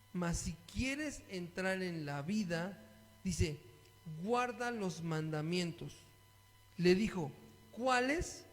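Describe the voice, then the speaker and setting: A man preaches to his listeners in a high voice. He reads Bible verses aloud and keeps asking them questions. His voice carries a long reverb from a large hall. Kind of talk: sermon Bible study.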